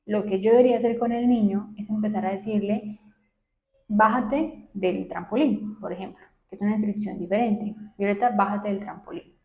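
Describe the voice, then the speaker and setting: Soft-voiced woman psychologist explaining calmly. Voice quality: soft, low voice. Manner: explanatory, checks in often with short tag questions. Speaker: child psychologist. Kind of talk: educational talk to camera. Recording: roomy echo.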